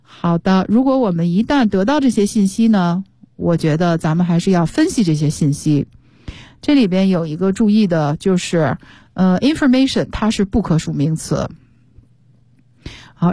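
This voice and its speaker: Calm woman explaining a language lesson. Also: on the low side, moderate pace, no echo, clean studio sound. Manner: patient, step-by-step explaining. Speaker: English teacher on radio. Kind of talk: bilingual radio language lesson.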